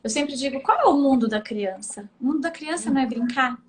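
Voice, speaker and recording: A middle-aged Brazilian woman with a high, bright-pitched voice, hosting a live online conversation as a speech therapist. She talks in a chatty, easygoing way, keeps asking "né?", and now and then acts out examples of intonation. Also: animated, a little fast. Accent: Brazilian Portuguese. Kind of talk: casual live-stream conversation.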